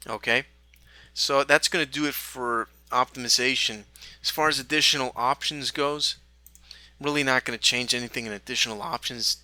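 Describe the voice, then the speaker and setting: A man teaching a software tutorial, talking through each step in a relaxed way with small fillers. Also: mid-range voice, dry recording. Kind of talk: screen-recorded software tutorial.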